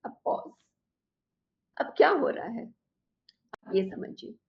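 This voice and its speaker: A woman's voice: on the high side, sing-song, slow, vocal fry, lo-fi sound. A woman in her forties giving a motivational wellness talk, acting out everyday inner dialogue with animation. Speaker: wellness speaker.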